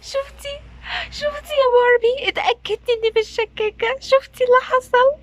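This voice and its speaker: A woman voicing a jealous, suspicious teenage girl doll in doll play, speaking fast and insistently with an Egyptian Arabic accent. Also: high-pitched, lively intonation, fairly bright tone. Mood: upset.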